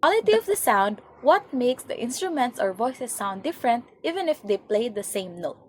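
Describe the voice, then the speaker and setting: Woman with a lively, bouncing voice. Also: fairly high pitch, moderate pace, husky. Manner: reads points then explains them, occasional slips. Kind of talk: reading an educational presentation. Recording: faint background noise.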